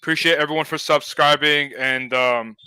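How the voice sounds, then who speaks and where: In a dry recording, a young Los Angeles-area man hosts a live-stream hangout, rambling casually with many fillers. His fairly high voice is steady, moderately paced, bright, forceful, and clean.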